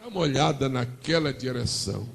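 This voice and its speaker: A preacher doing a gentle male angel. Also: mid-range voice, animated, brisk, creaky, breathy edge, voice pushed down.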